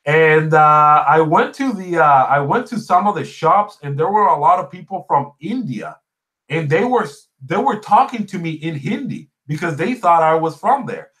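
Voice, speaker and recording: Higher-pitched Puerto Rican man, chatting casually. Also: animated, normal speed, a bit bright. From Puerto Rico. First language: Spanish. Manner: emphatic storytelling with repeated phrases. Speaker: podcast host and small YouTuber. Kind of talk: casual chat answering live viewer comments.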